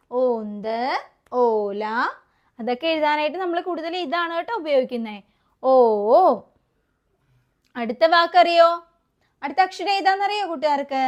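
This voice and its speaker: Woman with a high voice and a light lilt, teaching small children their letters. Coaxing and patient, she asks questions and repeats each sound. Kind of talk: kids' alphabet lesson.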